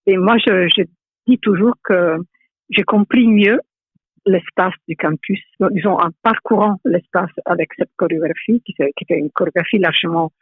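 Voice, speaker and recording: A middle-aged woman from Italy, a native Italian speaker with an Italian accent, answering interview questions as an architecture professor, thoughtful and hesitant with many pauses and restarts. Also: on the low side, husky, no room sound. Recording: tinny phone-like line, dry.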